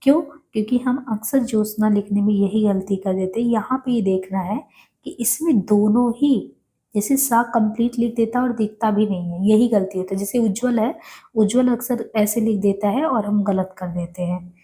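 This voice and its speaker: A woman's voice: mid-range voice, moderate pace, mellow. A woman teaching an exam-prep spelling lesson, repeating each word and answering her own questions. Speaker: Hindi teacher.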